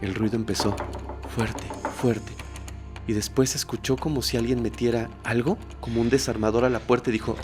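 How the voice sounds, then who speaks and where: A man hosting a horror podcast, telling a story in a suspenseful way, dropping to a hush and rising again. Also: medium pitch, steady tone, normal speed, over music. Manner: suspenseful, shifts between hushed and raised tones.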